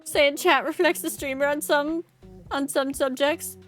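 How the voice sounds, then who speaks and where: A woman's voice: high voice, steady tone, moderate pace, fairly bright tone, faint music behind. Bubbly, cute anime-style woman streamer. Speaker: livestreamer, game streamer. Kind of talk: casual livestream chat with viewers.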